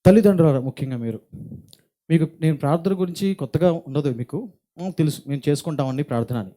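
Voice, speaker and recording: Middle-aged pastor preaching, slow and earnest, somewhat high voice but very dark and mellow tone. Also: male voice. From India. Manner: earnest, speaks slowly and deliberately, rising in intensity. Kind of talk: sermon. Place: church hall.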